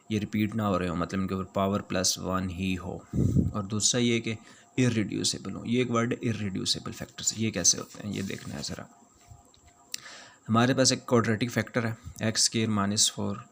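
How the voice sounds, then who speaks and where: A man's voice: on the low side, vocal fry, a little hiss or hum. A man teaching a math lesson, explaining each step patiently and repeating key points.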